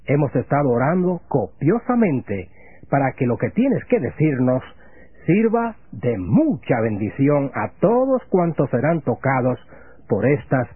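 Man, formal radio host, lively intonation, husky tone, tinny phone-like broadcast sound. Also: mid-range voice, no room sound. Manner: formal, measured, reverent. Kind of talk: scripted religious radio interview.

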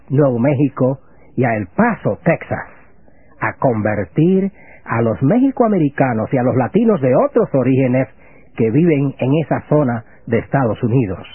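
A man hosting a religious radio program, asking questions in a formal, measured and reverent manner. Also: mid-range voice, slightly rough, no echo. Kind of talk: scripted religious radio interview. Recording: phone-like lo-fi radio broadcast.

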